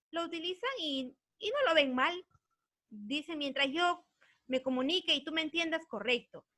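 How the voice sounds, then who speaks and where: A woman's voice: on the high side, a bit bright, dry recording. A woman teaching a recorded grammar lesson, earnest and patient, often checking in with her students. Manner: earnest, explains patiently, checks understanding with frequent tag questions. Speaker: language teacher.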